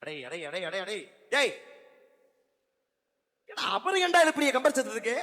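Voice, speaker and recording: A man's voice: very high voice, big pitch swings, moderate pace, pushed and bright, long reverb tail. A man doing a stage comedy dialogue, scolding and mock-exasperated.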